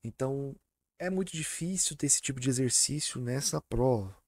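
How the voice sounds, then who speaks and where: A man's voice: medium pitch, a little mellow, no echo. A man teaching an online exam-prep English lesson, patient and repetitive, often checking that students follow. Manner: repeats and spells out words slowly.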